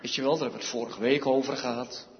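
A man's voice: medium pitch, fairly even intonation, fast talker, long reverb tail, muffled recording. A male pastor preaching a sermon, emphatic, repeating key words and asking rhetorical questions.

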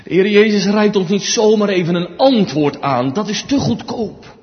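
Male pastor, high and animated voice, sermon in a reverberant church on dull audio. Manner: slow, emphatic preaching with big swings between hushed and loud.

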